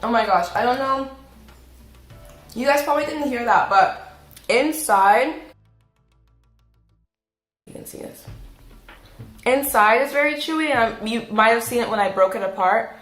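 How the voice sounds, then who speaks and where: A woman's voice: fairly high pitch, normal speed, pauses often, fairly bright tone. A woman taste-testing her own cookies in a casual, enthusiastic vlog. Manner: chatty, enthusiastic, filler-heavy. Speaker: recipe vlogger. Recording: roomy echo, faint music behind.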